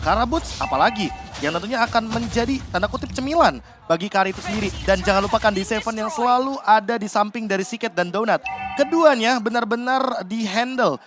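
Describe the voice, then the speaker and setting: A man with an Indonesian accent giving live analytical commentary on a video game match. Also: very high-pitched.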